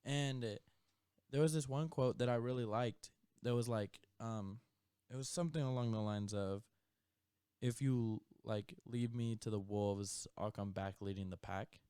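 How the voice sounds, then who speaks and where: A young man co-hosting a podcast, telling stories in a loose, laid-back way with frequent laughter. His voice sits at an average pitch, recorded close and dry with no room sound. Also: a little slow, dark tone, clear, resonant tone, no room sound. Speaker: podcast co-host. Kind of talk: casual chat.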